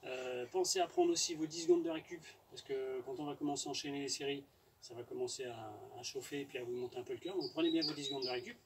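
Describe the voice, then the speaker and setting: A man's voice: medium pitch, fast. Middle-aged male coach, informal and a little hesitant, explaining exercises outdoors; off-mic, with noticeable noise. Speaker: fitness coach. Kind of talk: workout instruction, explaining and counting reps. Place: outdoor garden terrace. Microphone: distant camera. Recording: outdoors from far off, noisy.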